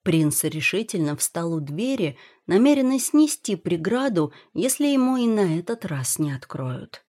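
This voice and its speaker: Brief: female audiobook narrator, expressive, a bit wry. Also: fairly low pitch, unhurried.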